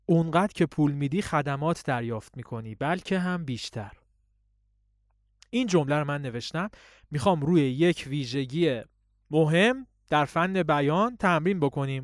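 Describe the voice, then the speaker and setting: A man's voice: no room sound, clean studio sound. A man teaching public speaking, explaining techniques and reciting poetry to show them. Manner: swings voice high and low in drills. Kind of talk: spoken lesson with recited examples.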